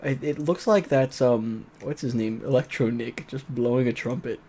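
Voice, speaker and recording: A woman with a very low voice hosts a gaming show at normal speed, mixing casual let's-play chat with a dramatic read-aloud of a visual novel. She's playful, full of animated asides, and guitar game music plays behind her, making the background noisy.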